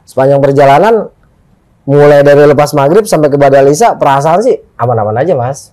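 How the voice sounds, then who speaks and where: A lively man tells a story in casual chat, his pitch leaping as he acts out his friends. His voice sits a touch high. The close mic gives a dry sound. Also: fairly quick, no echo. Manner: animated, acts out friends' lines. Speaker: guest storyteller.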